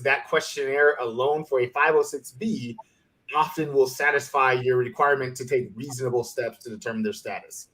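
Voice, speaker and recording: Methodical man explaining legal steps. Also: medium pitch. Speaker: attorney guest. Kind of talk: explanatory interview answers.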